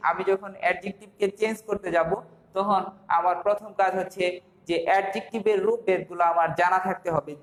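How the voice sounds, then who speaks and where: High-voiced Bangladeshi teacher in echoey room. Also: male voice. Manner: explains step by step with rhetorical questions. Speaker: English teacher. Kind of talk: online classroom lesson.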